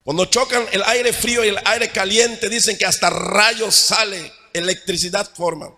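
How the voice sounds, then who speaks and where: A man with a Mexican accent preaching a sermon as pastor. He often asks "¿verdad?" and swings between raised, emphatic lines and hushed ones. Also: high-pitched, steady tone, moderate pace. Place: church. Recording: long church-hall reverb.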